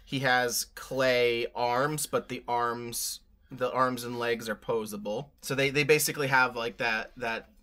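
A man in his thirties chatting casually as a vlog co-host, explaining things in a halting way as he thinks aloud. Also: medium pitch, fairly even intonation, sharp tone. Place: indoor room full of collectibles.

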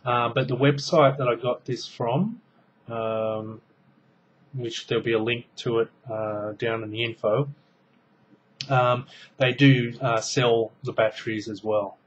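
Slow, rambling man on a lo-fi webcam. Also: medium pitch, fairly even intonation, slight background noise. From Australia. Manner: rambling, many ums and restarts, hands busy with gadget. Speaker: product reviewer. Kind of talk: casual show-and-tell review. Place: small room indoors at home. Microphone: webcam mic at close range.

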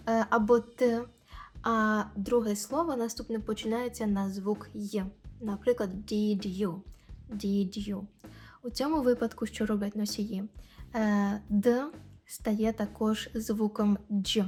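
Woman teacher slowly repeating practice phrases. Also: medium pitch, darkish tone. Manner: slow and careful, repeating example phrases many times. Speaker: English teacher. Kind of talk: language lesson explaining pronunciation.

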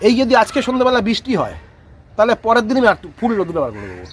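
A man's voice: very high voice, huge pitch swings, racing, a little hiss or hum. A man explaining rose potting outdoors in a casual, explanatory way, often checking that listeners follow. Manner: explanatory, repeats "ঠিক আছে?" to check understanding. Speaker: rose gardening expert.

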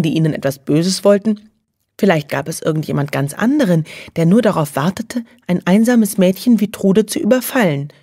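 Children's audiobook narrator, woman, low husky voice, calm even delivery, dry studio sound. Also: no echo. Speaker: audiobook reader.

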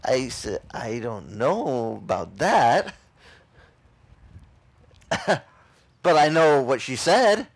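At an outdoor beach sermon, a middle-aged pastor whose first language is Italian tells a story with animation, acting out the voices of the people in it. He speaks very slowly in a husky, medium-pitched voice, pausing often.

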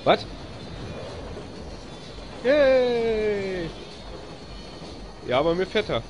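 A live-stream gamer with a German accent giving excitable let's-play commentary, cheering and laughing often and grumbling when the game gets stuck. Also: medium pitch, very slow, highs cut off, slight background noise.

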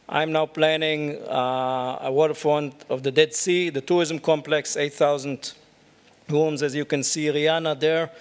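Middle-aged male keynote speaker, slightly high voice, halting delivery with lots of fillers, podium mic in a big hall. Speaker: keynote speaker, urban planner. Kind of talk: conference keynote lecture. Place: large dark lecture hall at a podium. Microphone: podium microphone.

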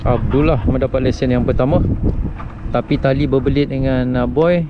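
Recorded through narrow, tinny audio with background noise, a young Malaysian vlogger with a Malay accent fishes at night from a wooden sea platform on an action cam. He talks to his "guys" in a chatty, upbeat style, his medium-pitched voice steady and moderately paced.

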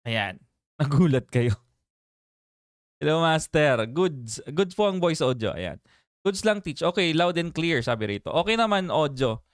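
A man hosting a casual reaction livestream, animated and chatty, laughing often and reading viewer names aloud. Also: on the high side, measured pace, no echo, studio quality.

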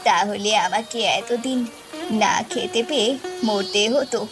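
Woman doing a tired sad cartoon granny, soft mid-pitched voice. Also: measured pace, over music, lightly acted. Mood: sorrowful. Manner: soft, sorrowful. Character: poor old grandmother, kind and weary. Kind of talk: cartoon voice acting.

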